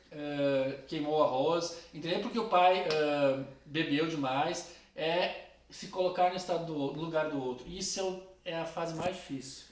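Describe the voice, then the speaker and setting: A man's voice: fairly high pitch, slight background noise. A man teaching a philosophy class in a casual way, talking straight to his students. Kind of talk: recorded class lecture. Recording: roomy, from a distance.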